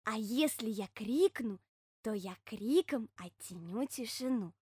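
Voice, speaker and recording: A woman's voice: a little high, animated, mellow, slightly rough, dry recording, clean studio sound, full character voice. A woman doing an earnest little hedgehog. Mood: hushed. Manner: insistent, explaining slowly. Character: earnest little male hedgehog, patient explainer. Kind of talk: storybook reading.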